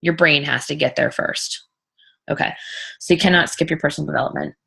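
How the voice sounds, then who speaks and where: A woman with a slightly low, bright and forceful voice coaches her team informally. She is blunt and emphatic, hammering points by repetition and swearing casually. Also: steady tone, fairly quick, vocal fry, breathy edge. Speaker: team leader and business coach. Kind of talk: informal live coaching talk.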